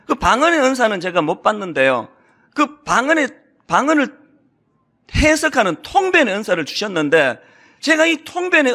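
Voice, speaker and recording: Animated, bright-voiced male pastor preaching. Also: very high voice. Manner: animated storytelling with acted quotes and sudden hushed drops. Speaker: senior pastor. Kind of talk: sermon. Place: church sanctuary.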